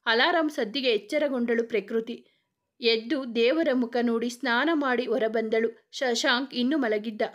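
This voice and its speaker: A woman storyteller reading a scripted horror story in a steady, dramatic way. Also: fairly high pitch, highs cut off.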